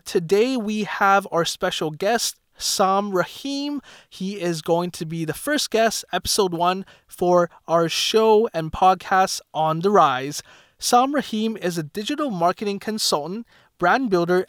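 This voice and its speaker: A man's voice: high-pitched, a little slow, fairly bright tone, clean tone, dry recording, clean studio sound. A man hosting a podcast interview in a casual, friendly way, often backing up the guest with "yeah" and "right". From Canada. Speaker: podcast host and realtor.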